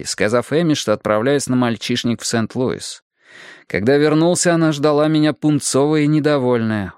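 A man reading a first-person audiobook in a measured, expressive way. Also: medium pitch, no room sound, studio quality. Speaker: audiobook narrator.

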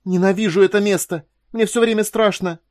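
A man's voice: fairly high pitch, a little fast, a little mellow, dry recording, clean studio sound, pitched above the performer's own voice, natural voice. A man reading an audiobook, voicing a frightened, emotional young woman who pleads and cries out. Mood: distraught.

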